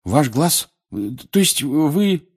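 A man's voice: a little high, big pitch swings, very slow, husky, pitched above the performer's own voice, heavily acted. Man doing Harry, a raised young voice. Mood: puzzled. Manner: surprised, questioning. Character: puzzled teenage schoolboy wizard.

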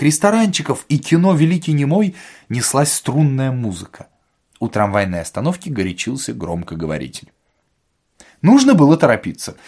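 A man reads a humorous novel aloud for an audiobook. His telling is expressive and vivid. The voice is husky, and its pitch rises and falls with lively movement. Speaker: narrator.

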